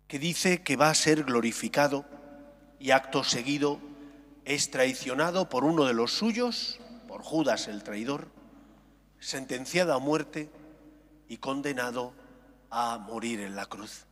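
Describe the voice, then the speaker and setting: Male priest, very slow solemn delivery, medium pitch, long cathedral echo. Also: a bit bright. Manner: slow, measured, deliberate phrasing. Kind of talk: solemn liturgical reading and homily. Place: large echoing church. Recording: echoing cathedral-like hall, long reverb.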